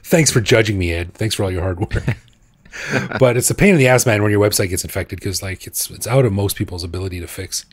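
A podcast host with a North American accent chats and interviews casually, joking and laughing often. His voice is lowish and husky, and he talks briskly.

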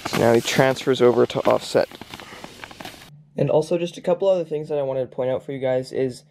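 A man's voice: medium pitch, brisk, creaky, darkish tone, a little hiss or hum. A man casually pointing out ski technique tips as a coach, with some filler words. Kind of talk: instructional commentary.

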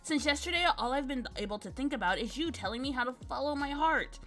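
Anxious young heroine with a higher, bright voice and tumbling run-on worries, read aloud by a woman; game dialogue. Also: animated, fast talker, soft background music. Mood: excited, nervous. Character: nervous rambling young female adventurer.

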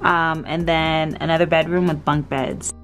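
A woman's voice: low voice, fairly even intonation, measured pace, soft background music. A woman vlogging casually from a mountain rental cabin, chatty and correcting herself, short of breath. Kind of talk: casual vlog narration.

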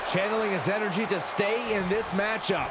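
A man plays an earnest wrestling commentator in a video game. He analyses the action in a high-pitched voice, with very loud arena noise behind him. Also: a little fast, lightly acted. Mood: intense.

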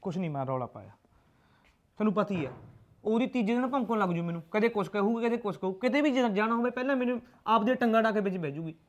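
A man's voice: sits high, lively intonation, quick pace. An actor playing a hot-tempered young husband who argues defensively with his mother. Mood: resentful. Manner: resentful, argumentative. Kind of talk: film drama dialogue.

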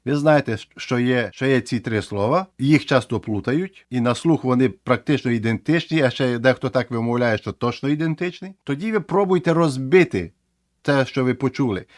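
A man's voice: medium pitch, moderate pace, no room sound. Man teaching English grammar, dry sound. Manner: explanatory, repeats words to demonstrate. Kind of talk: explaining English grammar to learners.

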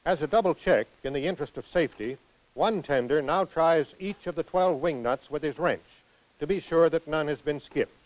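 An American man narrates scripted instructions for a training film, precise and measured. His pitch is fairly high, and the recording is rough.

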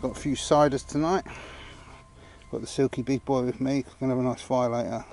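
A man's voice: mid-range voice, a little fast, creaky, slight background noise. A middle-aged man, chatting casually while filming himself outdoors at a woodland camp. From England. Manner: chatty, relaxed, upbeat. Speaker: outdoor vlogger. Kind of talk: casual vlog narration. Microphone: handheld action camera at arm's length.

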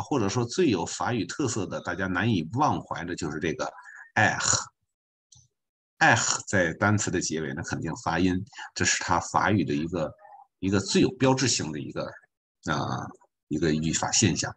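A man's voice: low-pitched, expressive, moderate pace, a bit bright, husky. A man teaching a beginner French class online as a volunteer, patiently repeating his points with chatty asides.

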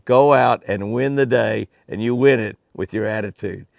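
Outdoors by a lake beside a cabin, an older man with a lowish voice and vocal fry delivers a daily devotional and a fishing tip at a moderate pace. His folksy, earnest preaching repeats key phrases for emphasis, recorded dry with the camera close in front framing his face.

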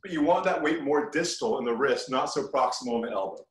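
Animated and fast, a medium-pitched middle-aged man gives a live kung fu lesson, offering terse commands and words of encouragement. He's recorded in a medium-sized living room by a camera on the other side, with a distant, echoing quality.

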